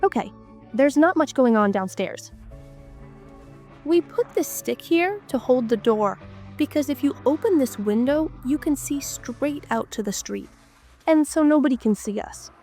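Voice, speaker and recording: An urban explorer vlogger, congested from a cold, gives a casual guided tour of an abandoned house, chatting away and often exclaiming in amazement. Her high, expressive voice is a little slow and dark in tone. Soft music plays in the background.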